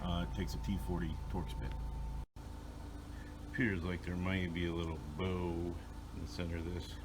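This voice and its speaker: A man's voice: little pitch movement, normal speed. A middle-aged man casually narrating a vlog in a laid-back, plain-spoken way, recorded on a handheld phone. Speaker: vlogger fixing and reselling salvage cars. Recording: very noisy handheld recording, vehicle and tractor rumble. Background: tractor rumbling at a tractor shop.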